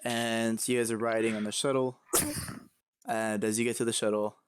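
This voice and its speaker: A man narrating as game master for a casual tabletop session, talking loosely with many pauses and ums. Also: fairly low pitch, level tone, clear, resonant tone, no room sound, clean studio sound.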